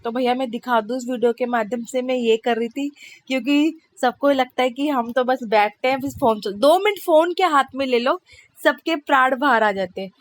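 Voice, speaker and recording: A woman's voice: sits high, normal speed. A woman in her thirties, a mother, narrating her busy day in a chatty, exasperated vlog voice-over. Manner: chatty, exasperated, complaining humor. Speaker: vlogger, mother.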